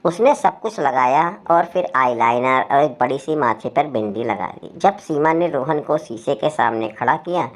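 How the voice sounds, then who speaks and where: A woman telling a story aloud with a steady, expressive read. Her voice sits low for a woman. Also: normal speed, few pauses. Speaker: story narrator. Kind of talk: storytelling narration.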